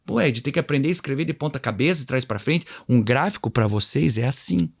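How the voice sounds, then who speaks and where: A man's voice: mid-range voice, expressive, brisk, creaky. A man with a Brazilian accent, an invited trainer who explains in a didactic way and plays with his own intonation to create contrast. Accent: Brazilian Portuguese. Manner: acts out short dialogues to give examples. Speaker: communication and NLP trainer, guest. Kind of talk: explanatory interview talk.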